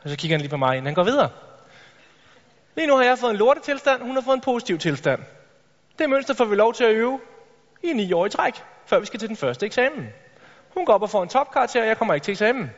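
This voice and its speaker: A man with a strikingly high voice delivers an energetic motivational talk from a stage, speaking straight to the audience and firing rhetorical questions at them. His words ring out into a large hall with a long reverb tail. The recording itself sounds dull and lo-fi.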